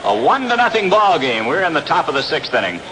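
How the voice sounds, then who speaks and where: Recorded outdoors at a ballpark amid loud stadium ambience and background noise, an American man calls baseball play-by-play like a 1960s radio broadcaster. His voice is on the high side, sing-song and fast.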